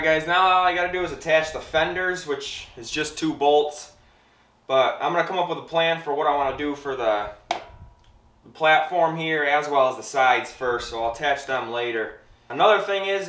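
A man's voice: on the high side, normal speed, a bit bright. A man in his thirties casually explaining a trailer assembly step by step in his home garage workshop. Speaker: vlogger. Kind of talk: casual how-to narration. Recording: noisy garage recording.

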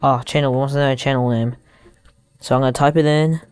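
A young man giving casual gameplay commentary into headphones used as a mic, haltingly thinking aloud as he goes. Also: mid-range voice, fairly even intonation, a little mellow, clear, resonant tone, no room sound, clean studio sound. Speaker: gaming YouTuber.

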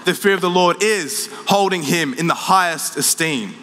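Young man, pastor, bright and forceful sermon delivery, casual storytelling, live church hall reverb. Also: high voice, normal speed. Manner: casual storytelling, laughs at his own stories. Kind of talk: sermon with personal anecdotes. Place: large church auditorium.

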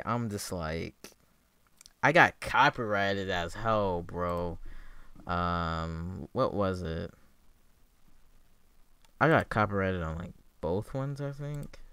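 A young man talking like a frat bro, slangy and hyped, giving excited casual reaction commentary. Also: low voice, clean tone, no echo. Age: young adult. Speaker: music reaction video maker.

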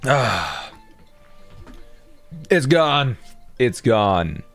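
A man's voice: medium pitch, very animated, very slow, fairly bright tone, soft background music. A young man streaming a game in casual chat, joking and rambling, sounding tired and groggy. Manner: chatty, joking, trails off and restarts. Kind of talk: casual livestream chat over gameplay.

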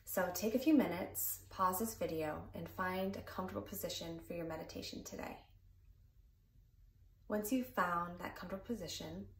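A woman in her thirties leading a calm, gentle guided grounding exercise, unhurried and meditative. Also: mid-range voice, slight background noise. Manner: calm, gentle, unhurried delivery with long pauses. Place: small plain room indoors. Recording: roomy echo, distant mic, music behind. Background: clear background music.

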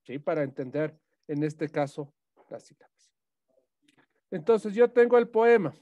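A man's voice: a little high, expressive, unhurried, no room sound, phone-quality sound. A male teacher explaining poetic meter to students, checking in often with short questions as he goes. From Ecuador. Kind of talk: classroom lesson on poetic meter.

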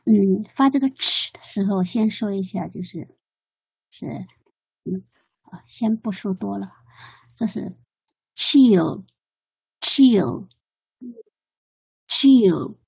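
A woman explaining English vowel sounds in recorded study notes, hesitant, with many fillers, repeating drill words slowly. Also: mid-range voice, gravelly, slightly rough, no room sound, lo-fi sound. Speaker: English pronunciation learner.

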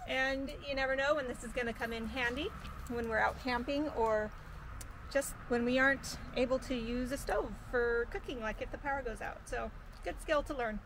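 A woman's voice: on the high side, normal speed, background noise. A woman co-hosting a casual farm cooking vlog outdoors, chatty and practical, laughing easily. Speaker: farm vlogger co-host. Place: outdoors by a fire pit on a farm.

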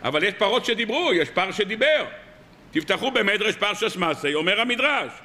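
A man preaching as a rabbi, telling stories and firing rhetorical questions at his listeners. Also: high-pitched. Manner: lively storytelling with rhetorical questions. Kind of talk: weekly sermon.

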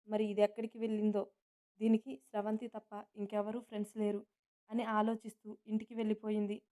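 A woman storyteller narrating a scripted family drama in an even, unhurried manner. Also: mid-range voice.

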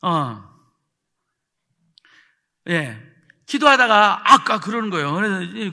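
A man preaching as a pastor, telling a story with acted-out voices, swinging from shouts to a near hush. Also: high voice, creaky. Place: church hall. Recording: hall reverb.

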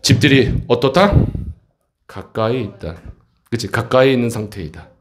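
A man teaching an English textbook passage to middle school students in a classroom, often checking in with quick questions. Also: medium pitch, animated, slight background noise.

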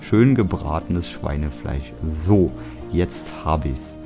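Deep-voiced German man chatting over gameplay. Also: lively intonation, slow pace. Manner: chatty, self-mocking, grumbling asides. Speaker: let's play host. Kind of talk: casual gameplay commentary. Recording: background music under voice.

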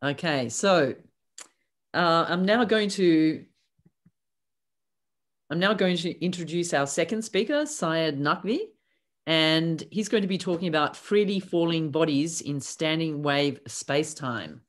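A woman's voice: sits low, expressive, unhurried. An older woman chairing an online conference session, polite and brief.

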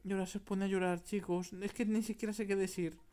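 A woman with an accent from Spain giving excitable, dramatic gameplay commentary and keeps calling out to her viewers. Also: medium pitch, fast. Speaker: gaming YouTuber.

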